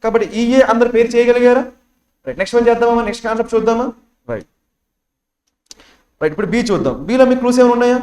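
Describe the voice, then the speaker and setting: Teacher, Telugu-accented man, rapid quizzing delivery, echoey classroom sound. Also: very high voice, a little mellow. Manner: constant quizzing questions, repeats key words. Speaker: English teacher for bank exam prep. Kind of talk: classroom lecture explaining test questions.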